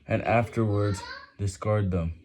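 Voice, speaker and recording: A man reading a written text aloud haltingly and with effort while doing push-ups, with some background noise. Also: fairly low pitch, darkish tone. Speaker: reader.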